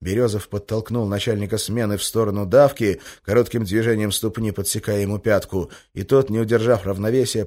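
Lower-voiced male audiobook narrator. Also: a little mellow. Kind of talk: scripted narration.

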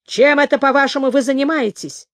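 A woman's voice: on the high side, unhurried, no echo, clean studio sound, lightly acted. A woman voicing a wounded, harsh male rabbit general in an audiobook, barking curt orders. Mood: commanding.

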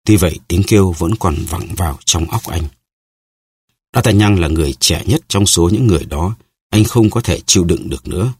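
A man narrating an audiobook in a steady, even storytelling manner. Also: low voice, normal speed, husky. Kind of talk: scripted narration.

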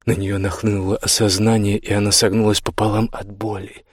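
Low husky male audiobook narrator. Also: level tone, a little fast, dry recording, clean studio sound. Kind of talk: scripted narration.

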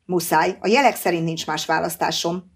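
An eager young man speaks with strong feeling, read by a woman. His voice is slightly low and emotional. A plain audiobook reading. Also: close to an everyday voice.

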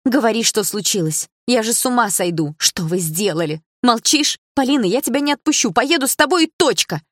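A woman voicing a frightened, indignant young female friend who speaks high and loud, close to shouting, in an audiobook. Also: quick pace, dry recording, natural voice. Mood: panicked.

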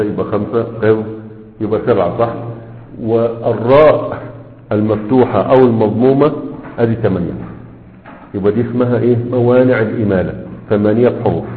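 A man's voice: medium pitch, roomy sound, in a large hall, narrow, tinny audio. A man with an Egyptian accent teaching a grammar lesson, checking in with his students again and again as he explains. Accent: Egyptian Arabic. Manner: checks in with students often, repeating questions. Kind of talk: classroom lecture.

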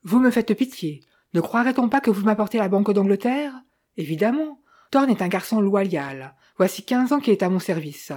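A woman's voice: medium pitch, expressive, moderate pace, darkish tone, lightly acted. A woman voicing an impatient, commanding wealthy old man in an audiobook reading. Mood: irritated. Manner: brusque, commanding.

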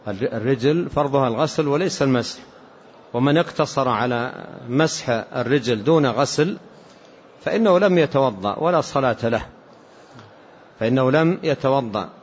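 A man teaching as a sheikh, explaining hadith in a measured way and repeating key points. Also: mid-range voice, lively intonation. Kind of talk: religious lesson commentary. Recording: dull lo-fi lecture recording with faint hiss.

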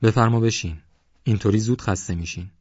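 A man's voice: on the low side, darkish tone, slightly rough, no room sound, lo-fi sound, voice pushed up. A man voicing an easygoing village shopkeeper who talks in a teasing, offhand way in an audiobook. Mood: coaxing. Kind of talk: audiobook character voice.

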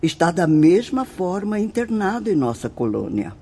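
In a radio drama, a Brazilian woman plays a venerable, devout nun who guides spirits in the afterlife, speaking in a solemn, declamatory manner with gentle, tender instruction. Her exaggerated voice is fairly low, dark and slightly rough, with big pitch swings and a moderate pace.

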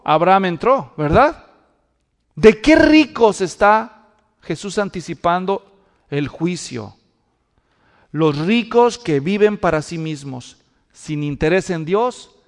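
Male pastor, animated storytelling sermon, high-set voice, long hall reverb. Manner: animated storytelling preacher with rhetorical questions.

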